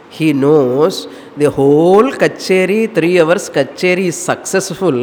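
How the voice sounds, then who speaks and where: South Indian woman teaching in an echoing hall. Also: low voice. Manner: didactic, repeats phrases, poses questions and answers them. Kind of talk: religious discourse on scripture. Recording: echoey hall with faint background noise.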